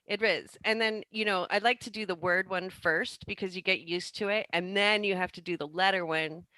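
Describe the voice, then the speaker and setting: A woman's voice: fairly low pitch, normal speed, bright, forceful tone, no echo, low-quality recording. A woman improv performer chatting as a guest, laughing often and cheering the other on. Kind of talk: casual chat.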